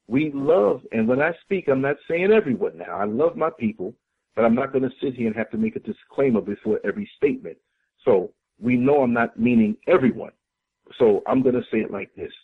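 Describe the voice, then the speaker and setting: A man's voice: medium pitch, husky. A man from the United States, a guest on a talk show, speaking in an impassioned, preacherly way and repeating phrases for emphasis. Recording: tinny phone-line sound.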